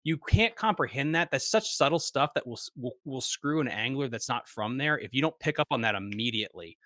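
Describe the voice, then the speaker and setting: A man's voice: mid-range voice, animated, fairly quick, fairly bright tone, no room sound, clean studio sound. A young man hosting a fishing podcast, talking enthusiastically in long run-on thoughts. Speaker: podcast host. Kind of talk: casual interview talk. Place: small home studio. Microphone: studio mic on desk.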